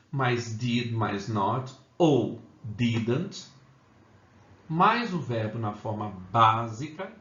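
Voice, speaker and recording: Man, unhurried classroom teacher, frequent check-ins, dull echoey room sound. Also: medium pitch, fairly bright tone. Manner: slow, repeats "tá?" and "ok?" to check understanding. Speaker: English teacher. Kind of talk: Portuguese-language grammar lesson.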